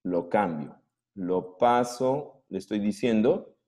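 A man's voice: lowish voice, lively intonation, slow pace, mellow. A male English teacher, giving a classroom grammar lesson and patiently checking that his students follow. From Peru.

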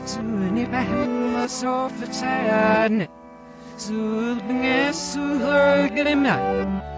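A man's voice: extremely high pitch, fairly even intonation, drawn-out words, loud music behind the voice. Backwards-played male singing voice. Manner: slurred, garbled sung syllables. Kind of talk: song vocal. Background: loud band playing.

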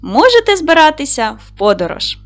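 Lively-voiced woman teaching young children. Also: high voice, normal speed, faint music behind. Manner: asks pupils questions and answers them herself, praising often. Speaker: primary school teacher. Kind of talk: recorded lesson for young children.

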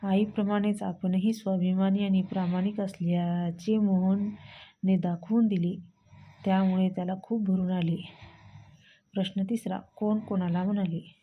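A woman's voice: medium pitch, little pitch movement, a little slow, narrow, tinny audio. A woman teacher with a Marathi accent, steadily reading out textbook exercise answers.

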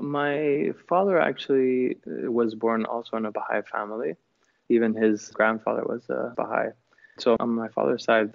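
Brief: man from Chile, even and low, reflective interview guest, lo-fi dry audio. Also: gravelly, no room sound. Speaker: musician guest. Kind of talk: interview answers. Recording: dull lo-fi dry sound.

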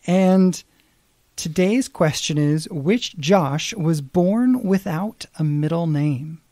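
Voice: mid-range voice, animated, takes it slowly, warm tone, no room sound. A podcast co-host runs a light quiz segment with playful energy and eager encouragement. The voice sits mid-range. The recording is dry and close. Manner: playful, encouraging, hums game-show jingles. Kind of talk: casual phone conversation.

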